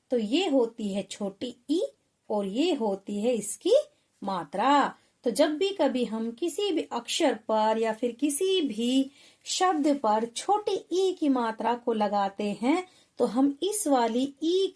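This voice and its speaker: A woman teaching a Hindi lesson to children, patiently sounding out syllables one by one. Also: sits high.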